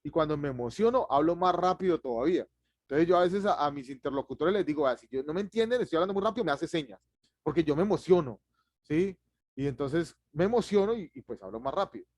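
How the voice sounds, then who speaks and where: A man, giving an online public speaking class, who talks fast and lively and chuckles at himself. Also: fairly high pitch, dry recording.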